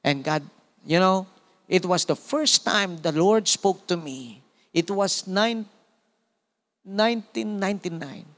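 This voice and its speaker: A Filipino-accented male pastor in his forties preaches with lively energy, punctuating his points with amen and praise God. His voice sits a little higher than most men's. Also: slow. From Philippines. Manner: animated preaching with frequent call-outs of amen and praise God. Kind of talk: sermon.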